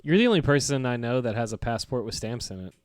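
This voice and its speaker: Man podcast co-host, crude jokester, short interjections, clear smooth voice, dry close mic. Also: mid-range voice, expressive, fast, no echo. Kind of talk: casual chat.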